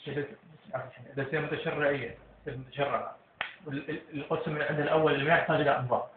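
Iraqi student guy firing off questions super fast, echoey room, phone-thin sound. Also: a little high, little pitch movement, narrow, tinny audio. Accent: Iraqi Arabic. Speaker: seminary student. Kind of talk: questions in class.

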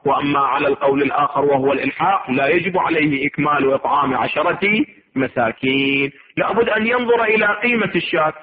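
A man's voice: a little high, quick pace, slight background noise. Man lecturing, tinny lo-fi sound. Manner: reads a text aloud then explains it, with rhetorical questions. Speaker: religious law teacher. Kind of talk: seminary lecture. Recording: tinny phone-like lo-fi recording.

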